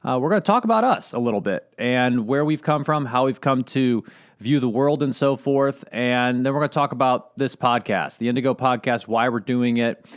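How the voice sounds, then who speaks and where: A middle-aged man co-hosting a podcast, chatting in a relaxed way and laughing easily. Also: medium pitch, moderate pace. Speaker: podcast co-host. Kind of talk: casual conversational podcast.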